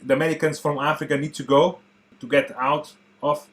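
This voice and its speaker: A man from Portugal in his thirties, a native Portuguese speaker, chatting excitedly to viewers as he reacts to an old film. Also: on the high side, a little fast. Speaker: movie reaction host. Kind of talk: casual reaction commentary.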